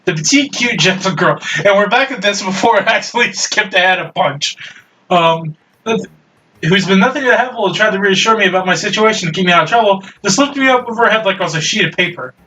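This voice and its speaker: A man's voice: sits high, lively intonation, fast talker, sharp tone, slight background noise. Young man reading a game aloud. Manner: casual, wry, self-deprecating asides. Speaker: let's-play host. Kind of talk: reading a dating sim aloud. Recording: distant mic, faint music.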